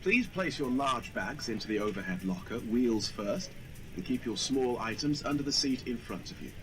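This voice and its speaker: A man giving a formal, measured airline cabin announcement over a public-address loudspeaker. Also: mid-range voice, lively intonation. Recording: distant loudspeaker with loud cabin noise.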